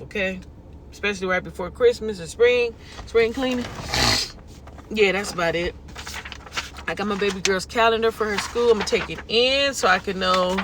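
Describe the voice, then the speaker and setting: A woman's voice: medium pitch, fairly bright tone, a little hiss or hum. A woman from California with a Californian accent, chatting casually to her viewers in a vlog, folksy and talkative, tossing in lots of y'all and okay. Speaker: lifestyle vlogger.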